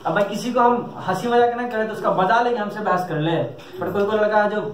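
A man's voice: sits high, fairly quick. A man teaching a classroom lesson in a joking way, often stopping to ask if the class has understood. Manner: jokey, asks checking questions. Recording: echoey classroom from a distance.

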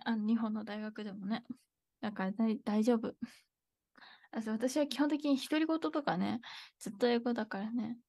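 A woman's voice: on the high side, warm tone, no echo, studio quality. A young woman teaching Japanese in a casual live online lesson, chatty and thinking aloud, with frequent laughs.

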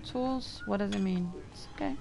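This gamer streamer, a young woman from the Middle East, talks with an Arabic accent in a medium-pitched voice touched by vocal fry. She keeps a moderate pace as she casually narrates her gameplay for viewers, with game music playing underneath.

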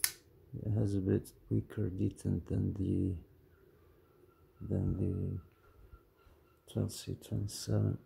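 A man casually showing off his knives, mumbling in a quiet, halting way. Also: deep voice, little pitch movement, creaky, husky. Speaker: knife collector vlogger. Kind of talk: casual show-and-tell.

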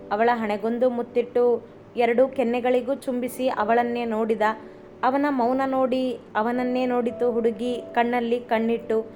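A woman storyteller reading a romance story as scripted narration, in a steady, even manner. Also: on the high side. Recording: slightly dull recording, faint music.

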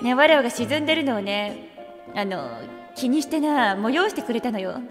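A woman's voice: on the high side, lively intonation, moderate pace. A woman hosting a karaoke livestream and chatting casually, using an archaic regal way of talking and playfully greeting viewers one by one. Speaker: virtual streamer hosting a karaoke stream. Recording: reverb-heavy with music playing behind.

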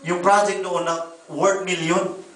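A man preaching a sermon as pastor, telling testimonies in an animated way and calling listeners brother and sister. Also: high-pitched, slow pace. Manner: animated, voices quoted people, addresses congregation as brother and sister. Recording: echoey room, voice from a distance.

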